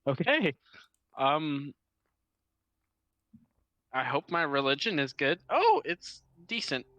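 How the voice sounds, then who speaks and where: Male tabletop player, bright tone, unhurried, hesitant, casual improviser, light music bed. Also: on the high side, big pitch swings, no echo, muffled recording. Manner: hesitant, casual, thinking aloud. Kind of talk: casual in-character improvised chat.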